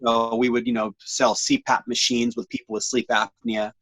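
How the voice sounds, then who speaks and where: A man in his forties telling his story as an interview guest, animated and slangy, rambling with lots of restarts. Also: mid-range voice, moderate pace, no echo. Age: 40s.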